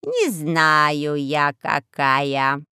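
A sly old crow, put on by a woman reading an audiobook, who drawls her words slowly and wheedles. She is greedy and self-pitying. The recording is dry and close, with no room sound. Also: low voice, very animated, sharp tone, clear, resonant tone, dry recording, pitched below the performer's own voice, full character voice. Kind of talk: audiobook character voice.

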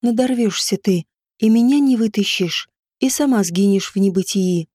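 A dying witch mother, stern and tender, speaks low and slow with a muffled, breathy voice, as a woman narrator puts her on. Her tone is mellow and dark, recorded dry and close for a storybook audiobook. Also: dry recording, lightly acted. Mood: tender, fading.

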